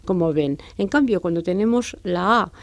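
A woman French teacher explaining pronunciation and grammar in Spanish, patiently repeating example words slowly. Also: lowish voice, lively intonation, gravelly, no room sound.

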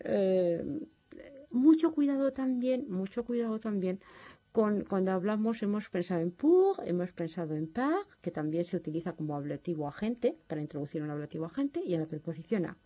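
A woman's voice: medium pitch, lively intonation, moderate pace, dark tone, muffled recording. A woman teaching French grammar in a patient, didactic lecture to distance students.

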